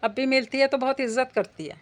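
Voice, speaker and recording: A woman reading the part of a sharp-tongued older mother-in-law who gossips and complains. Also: sits high, fast, natural voice.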